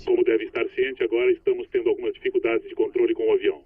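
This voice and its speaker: A man voicing an airline captain, speaking to passengers over the cockpit public address system in a measured, grave and direct way. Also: mid-range voice, level tone, husky, no echo, narrow, tinny audio. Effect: cockpit public address announcement. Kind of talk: dubbed documentary reenactment. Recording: loud engine noise, distant announcement. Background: roaring aircraft noise.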